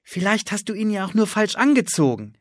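A man voicing an imaginative, insistent young girl in a read-aloud children's story, his voice pushed well up into a bright, eager register. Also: sits high, a little fast, dry recording, clean studio sound, pitched above the performer's own voice. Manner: excited and insistent.

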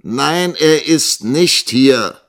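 A man's voice: a little high, animated, a little slow, voice pushed up. A man voicing a polite, restrained young man answering his master. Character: polite hurt young male pupil-teacher.

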